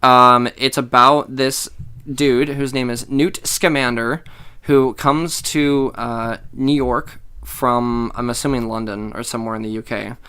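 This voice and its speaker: A man's voice: mid-range voice, steady tone, unhurried, bright, forceful tone, clear, resonant tone. A young man hosting a casual podcast chat, rambling with lots of fillers. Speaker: podcast host.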